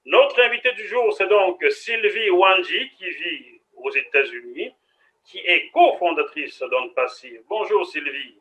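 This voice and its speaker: A man hosting a studio interview on a web TV show, lively and playful with his guests. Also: sits high, unhurried, poor audio. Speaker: TV show host.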